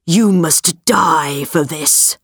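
A woman voicing a huge gruff male beast. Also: deep voice, drawn-out words, dry recording, clean studio sound, full character voice. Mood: stern.

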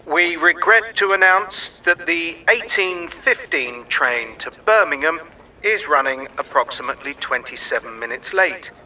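A man reading formal train station announcements slowly and evenly for a listening exercise. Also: a little high, bright, forceful tone, recorded from a distance. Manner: slow, formal, evenly paced.

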